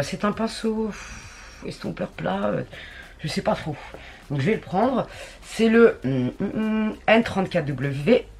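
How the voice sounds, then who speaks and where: A woman's voice: low-pitched, vocal fry, a little mellow. A woman chatting casually through a makeup tutorial, slangy and talking to herself as she works. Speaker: beauty vlogger.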